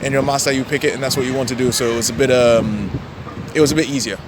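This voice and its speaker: Young guy raised in the netherlands, chill and hesitant, talks quick, street traffic behind. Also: medium pitch. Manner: relaxed, hesitant with many ums and restarts. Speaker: interviewee, law graduate. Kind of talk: casual street interview. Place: outdoors on a city street. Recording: outdoor street noise with traffic.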